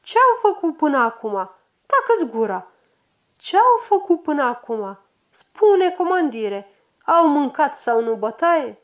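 A woman voicing a proud, blustering army captain who barks orders loudly, on a dull lo-fi recording. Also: high voice, big pitch swings, voice pushed up. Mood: scolding. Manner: barking commands, loud and fervent.

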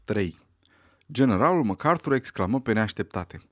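A man narrating a mystery novel aloud in an expressive, dramatic manner. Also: lowish voice, no echo, studio quality. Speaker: audiobook reader. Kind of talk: scripted narration.

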